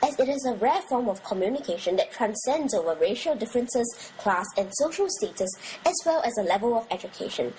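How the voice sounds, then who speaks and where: A woman's voice: fairly high pitch, animated, brisk, hardly any pauses, dark tone, slight background noise, low-quality recording. A woman from Singapore with a Singaporean accent reads a scripted educational narration aloud, in the manner of an explainer video.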